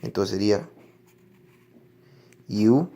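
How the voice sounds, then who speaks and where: Male language teacher, unhurried and patient, drills each word over and over as he explains. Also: on the low side, expressive, gravelly, warm tone. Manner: slow, patient explaining with repeated example words. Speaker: English teacher. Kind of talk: classroom lesson on English pronunciation.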